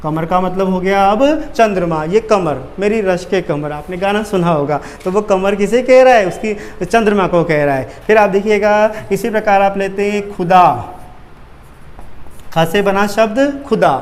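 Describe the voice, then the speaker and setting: A man's voice: high voice, a little slow. A male teacher giving an exam-prep grammar lesson at a board, asking questions and answering them himself.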